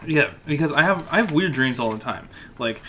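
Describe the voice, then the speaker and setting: A man's voice: fairly high pitch, expressive, a little fast, sharp tone, slight background noise. A young man hosting a casual podcast, rambling through a story with many laughs. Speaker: podcast host.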